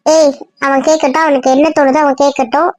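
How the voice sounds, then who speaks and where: A woman's voice: sits high, little pitch movement, fast talker, darkish tone, dry recording, studio quality, lightly acted. A woman playing a bossy friend who insistently orders people to leave in an amateur audio drama. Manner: commanding, insistent.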